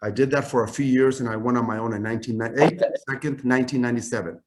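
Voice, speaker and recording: A man's voice: medium pitch, fairly even intonation, racing. A man in his fifties from Chile, a native Spanish speaker, telling his life story in a casual video-call interview, rambling with many fillers and restarts. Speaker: guest, custom clothing company founder.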